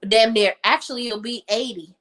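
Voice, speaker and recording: A chatty woman with a drawl and a fairly bright voice co-hosts a reality TV opinion panel, speaking at a moderate pace. She talks casually and colloquially, acting out quotes in a lowered voice.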